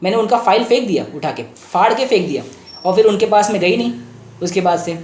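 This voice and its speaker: A man's voice: high voice, expressive, fairly quick, darkish tone, slight background noise. A man lectures as a homeopathy doctor, walking through a patient's case. He mixes English terms into his Hindi and circles back to restate each point. The room around him rings with noticeable echo.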